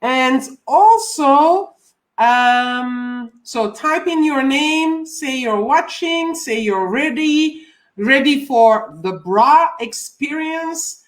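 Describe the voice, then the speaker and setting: A woman's voice: high voice, expressive, very slow. A woman from Belgium in her forties, a coach hosting a live stream, welcoming viewers over and over with frequent ums. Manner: warm repeated welcomes, frequent ums, reads viewer comments.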